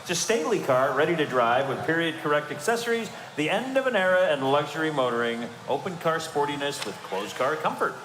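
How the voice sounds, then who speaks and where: A man's voice: fairly high pitch, very animated, brisk, few pauses. Male auction announcer, echoey and noisy. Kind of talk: announcing lots with scripted descriptions. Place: large auction hall.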